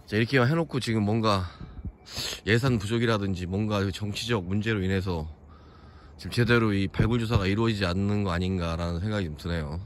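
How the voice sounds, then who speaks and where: Walking around a historic fortress on a hilltop, a young man from South Korea's Chungcheong region rambles through opinionated vlog commentary, using many fillers. His fairly low voice moves fast, over slight background noise.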